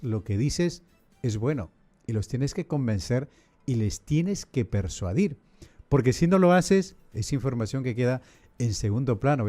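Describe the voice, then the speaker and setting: A priest hosts a podcast, explaining things in a measured, didactic way and posing plenty of rhetorical questions. His male voice is medium in pitch with a dark tone.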